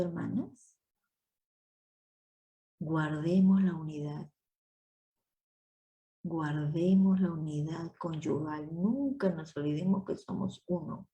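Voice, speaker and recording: An older woman teaching a women's Bible study, giving homely advice with family anecdotes and dwelling slowly on scripture phrases. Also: sits low, warm tone, highs cut off. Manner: slow, deliberate scripture emphasis.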